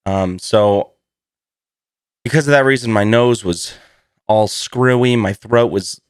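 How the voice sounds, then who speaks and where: This podcast host has a low voice, slightly hoarse because he's recovering from a cold. He takes it slowly in a casual solo chat, rambling, putting himself down and laughing through his words. The studio-quality recording has no echo.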